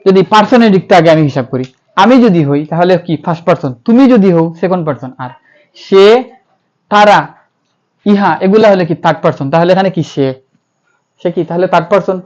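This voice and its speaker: On a slightly dull, lo-fi recording, a man with a Bangladeshi accent gives a classroom-style English grammar lecture. His high, a little mellow voice has lively intonation and moves a little fast, as he asks and answers his own questions and spells words out letter by letter.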